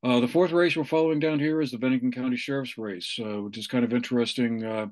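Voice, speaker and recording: A man in his sixties giving an unscripted election report over a video call, in halting, measured phrases. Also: medium pitch, fairly even intonation. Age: 60s. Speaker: local election correspondent. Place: small room at home, indoors. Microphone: video call on computer microphone.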